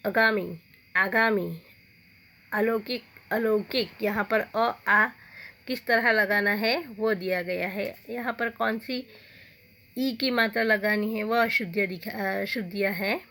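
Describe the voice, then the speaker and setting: Slow, bright-voiced woman teaching Hindi. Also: medium pitch, steady tone. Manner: slow, deliberate, repeats each word twice. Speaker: school teacher. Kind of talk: Hindi grammar lesson.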